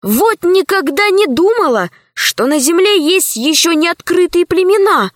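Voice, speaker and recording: A woman reading a storybook aloud and voicing a brave, spirited young girl in a bright, exclaiming girlish tone. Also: very high-pitched, expressive, unhurried, no echo, clean studio sound, voice pushed up. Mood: wondering.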